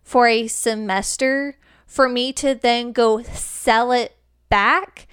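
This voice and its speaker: A woman's voice: fairly high pitch, steady tone, slow, fairly bright tone, clear, resonant tone. A woman co-hosting a podcast in casual chat, opinionated and stretching words for emphasis. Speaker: podcast co-host.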